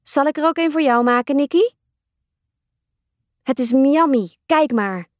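A woman's voice: expressive, unhurried, no room sound, studio quality. A woman putting on a bratty, teasing little girl. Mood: sugary. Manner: high, singsong and teasing. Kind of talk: storybook reading.

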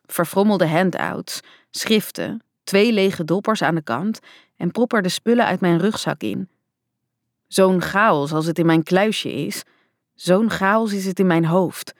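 A woman's voice: fairly low pitch, dry recording, studio quality. A woman reading a first-person youth novel aloud in a tense, introspective way. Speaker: audiobook narrator. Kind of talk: first-person scripted narration.

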